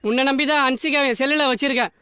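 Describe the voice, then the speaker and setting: A man's voice: very high-pitched, fairly even intonation, rapid-fire, background noise. A young man in a film comedy scene, whining and mocking his older companion. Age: young adult.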